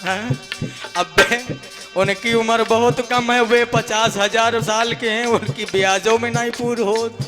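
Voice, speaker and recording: A man's voice: very high voice, fairly even intonation. A man telling a devotional folk story, voicing the quoted speakers as he narrates. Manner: narrates with voiced quotes, breaks into long drawn-out song. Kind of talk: sung and spoken devotional story. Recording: long hall reverb with music behind.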